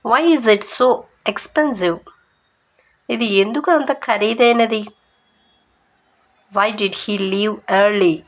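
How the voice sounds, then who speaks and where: A woman reading language drill sentences, saying each English line very slowly and clearly, then its translation at normal speed. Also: on the high side. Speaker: language teacher.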